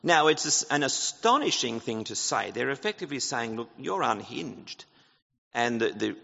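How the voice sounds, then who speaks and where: A man's voice: medium pitch, creaky, fairly bright tone. A man preaching a sermon as pastor, earnest and explanatory, asking his congregation rhetorical questions. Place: church. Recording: church hall reverb, dull lo-fi sound.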